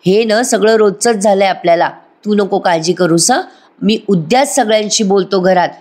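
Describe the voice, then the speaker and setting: A woman's voice: medium pitch, normal speed, darkish tone, natural voice. A woman voicing a gullible young husband from a serial, speaking in a soothing, coaxing way.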